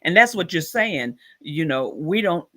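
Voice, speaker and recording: A man hosting an interview, speaking slowly and searching for his words. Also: on the high side, animated, a bit bright. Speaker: host. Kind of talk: conversational interview.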